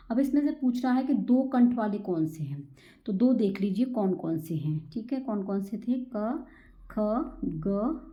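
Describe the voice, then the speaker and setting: A woman tutor teaching Sanskrit grammar for exams, asking quick quiz questions and chanting rules slowly. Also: mid-range voice, warm tone, muffled recording. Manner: repeats key answers as quick quiz questions to students. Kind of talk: exam-prep grammar lesson.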